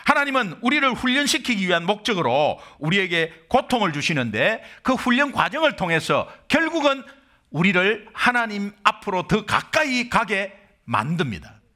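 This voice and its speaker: Middle-aged korean-born pastor preaching hard, high bright voice, swings way up and down. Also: male voice, very animated, moderate pace. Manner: impassioned, dramatic preaching with rhetorical questions. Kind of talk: sermon.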